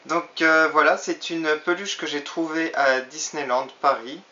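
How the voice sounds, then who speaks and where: Male toy reviewer, fairly high voice, chatty and hesitant, muffled lo-fi camera mic. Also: unhurried, sharp tone. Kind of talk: casual product review. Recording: slightly dull lo-fi recording.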